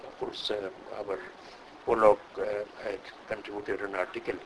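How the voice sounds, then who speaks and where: An older man from India with an Indian English accent, a Sanskrit scholar answering an interview question in a measured, hesitant way. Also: lowish voice, flat delivery, noisy background. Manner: measured, hesitant with frequent uh, lecturing.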